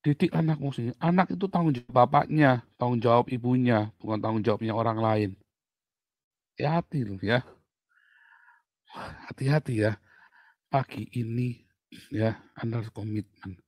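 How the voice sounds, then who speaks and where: A middle-aged man preaching a sermon as pastor, lively and colloquial, jumping from loud exclaims to low asides, with playful sound effects. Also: normal speed, pauses often, dry recording.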